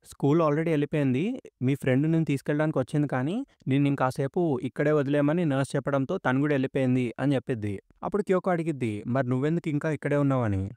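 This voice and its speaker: A man retelling a manga story in a casual, brisk way, reading the characters' lines in a lower, softer voice. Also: no echo, studio quality. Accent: Telugu-English mix. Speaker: manga narrator.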